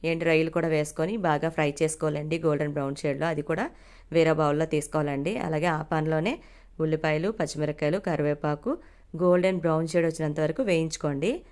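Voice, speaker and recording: A woman's voice: sits low, fairly even intonation, fast, darkish tone. A woman hosting her cooking channel, casually narrating a recipe step by step in a friendly, polite way.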